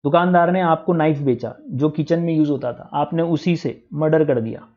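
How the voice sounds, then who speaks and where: A male teacher giving a classroom lecture, who keeps asking the class for quick answers. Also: a little high. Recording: dull lo-fi classroom recording.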